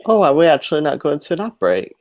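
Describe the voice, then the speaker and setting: A man's voice: fairly high pitch, very animated, fast, darkish tone. A man co-hosting a live reaction stream in casual chat, laughing often and teasing his friend.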